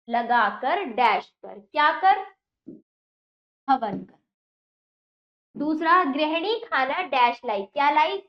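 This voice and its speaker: A woman teacher reading a children's textbook lesson aloud with slow, deliberate diction and quizzing the children with questions. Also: high voice. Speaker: primary school Hindi teacher. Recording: roomy, dull lo-fi sound.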